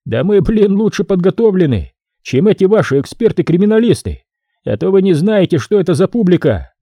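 A cocky, bragging male technician, as the narrator puts him on. He talks bluntly and boasts about his gear and training. The voice is pushed higher than the reader's own, husky and dark, recorded dry. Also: very animated, brisk, dry recording, heavily acted. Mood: boastful. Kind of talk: audiobook character voice.

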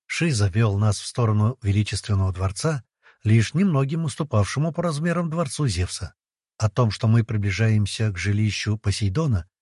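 Husky man narrating with lively pitch. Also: no echo, clean studio sound. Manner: wry, playful storytelling. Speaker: audiobook narrator. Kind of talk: first-person fantasy audiobook narration.

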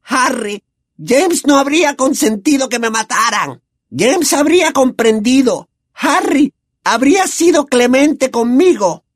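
A man's voice: very high voice, lively intonation, measured pace, no room sound, studio quality, pitched above the performer's own voice, full character voice. A man voicing a cowering, terrified middle-aged man who whimpers and begs breathlessly. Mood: pleading. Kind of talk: audiobook character voice.

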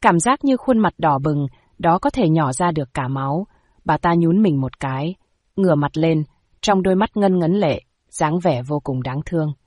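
A woman reading a historical novel aloud with steady, even storytelling, close to the mic. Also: low-pitched, moderate pace, dry recording. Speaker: audiobook narrator. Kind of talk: scripted story narration.

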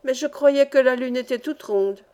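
Nell is a sheltered young girl full of wonder, as a woman reader gives her voice. She asks soft, eager questions in a fairly high voice, in a storybook reading. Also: normal speed, lightly acted.

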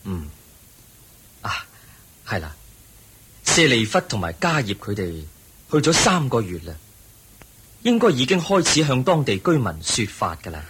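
An actor playing the Buddha as a serene, patient teacher, speaking Hong Kong Cantonese in a measured radio drama style. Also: male voice, mid-range voice, big pitch swings, fairly bright tone. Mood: serene, instructive. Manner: measured, instructive. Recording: faint background noise.

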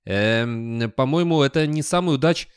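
A jittery young man, as a male reader puts him on, speaking a bit higher than the reader's own voice and hesitating. Dry, close audiobook recording. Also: normal speed, clean tone, no room sound, close to an everyday voice. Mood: urgent. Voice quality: anxious, hesitant.

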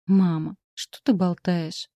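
A woman's voice: fairly low pitch, fairly quick, warm tone, no echo, close to an everyday voice. A woman voicing a tired, patient adult daughter who grows exasperated with her mother.

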